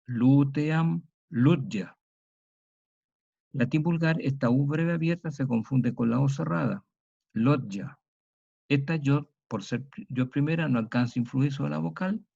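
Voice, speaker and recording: Gravelly-voiced man lecturing. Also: mid-range voice, warm tone. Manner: slow, methodical, spells out sounds and examples. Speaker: teacher. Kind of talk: historical grammar lecture. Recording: dull lo-fi recording.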